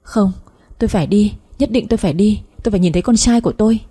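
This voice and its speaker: Một người phụ nữ đọc truyện, nhập vai một bà mẹ nông thôn hoảng loạn, giọng khàn khàn, trầm tối, nói dồn dập như van xin. Giọng đọc truyện audio, lời người mẹ gấp gáp. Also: female voice, mid-range voice, rapid-fire, mellow, breathy edge, close to an everyday voice. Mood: insistent. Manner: frantic, wailing pleas. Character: panicked middle-aged village mother.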